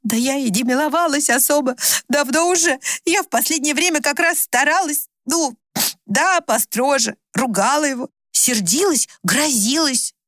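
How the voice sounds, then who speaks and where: A woman's voice: high voice, normal speed, fairly bright tone, no room sound, studio quality, pitched above the performer's own voice. A woman voicing a timid, tearful wife in her thirties who pleads meekly. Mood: defensive. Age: 30s. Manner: pleading, meek.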